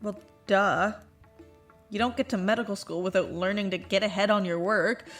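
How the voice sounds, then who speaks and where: An actress playing a blunt, teasing medical student talking with friends. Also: female voice, mid-range voice, fairly even intonation, moderate pace, a bit bright, faint music behind, natural voice. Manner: blunt, teasing, matter-of-fact.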